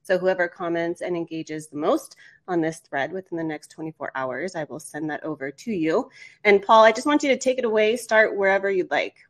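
A woman's voice: fairly low pitch, brisk. A woman in her thirties casually introducing a podcast as its host. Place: home studio room, on a video call.

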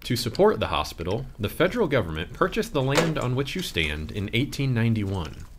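A man reading a scripted audio tour narration in a measured, expressive way. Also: mid-range voice, noisy background.

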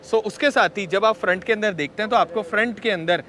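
Talking to his audience like old friends, a man presents a vehicle walkaround outdoors at an expo. He's a reviewer whose high voice comes out fairly quick, pushed and bright.

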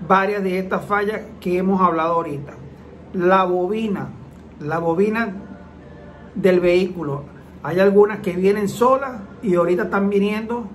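A man's voice: high voice, a little hiss or hum, rough recording. A man, a transmission mechanic, hosting his channel and explaining engine faults to viewers in plain, repetitive casual talk. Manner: repetitive, plain-spoken, acts out engine sounds.

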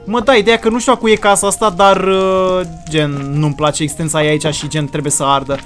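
A man with a bright, high voice gives excited commentary over his gameplay. He talks theatrically and throws in English exclamations. Faint music sits underneath. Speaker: gaming video creator.

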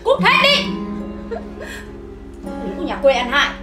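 A haughty, wealthy older mother-in-law in a web drama. Her high voice leaps about and turns shrill and contemptuous when she shouts. Music runs under the scene. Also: expressive, moderate pace, echoey room. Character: arrogant rich older mother-in-law, scornful.

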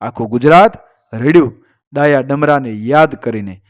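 A man narrating a traditional folk tale in a steady storytelling manner. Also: medium pitch, normal speed, no room sound, clean studio sound.

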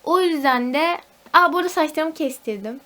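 A woman's voice: sits high, brisk, fairly bright tone. A young woman, a university student, venting at home in a casual vlog, talkative and mock-dramatic. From Turkey. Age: young adult.

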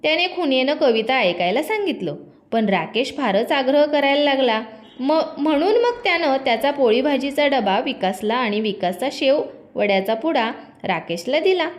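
A woman narrating a children's storybook in a lively, expressive way. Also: sits high, normal speed.

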